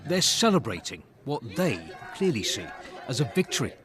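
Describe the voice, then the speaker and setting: A man's voice: medium pitch, very animated, normal speed, over music. A man narrating a scripted news report as a correspondent. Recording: crowd noise behind the narration.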